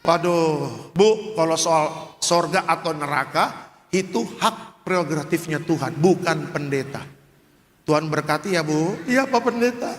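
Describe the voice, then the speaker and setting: A man's voice: fairly high pitch, a little slow. A man pastor preaching a sermon in a large church hall, emphatic and joking, questioning the congregation.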